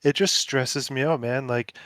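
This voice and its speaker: A man in mid-range pitch chats casually on a gaming podcast. He rambles and restarts his sentences, leaning on filler words. The sound is close and dry. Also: fairly even intonation, a little slow, a bit bright, no room sound. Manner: rambling, filler-heavy, stressed about a game raid. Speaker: podcast co-host. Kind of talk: casual chat.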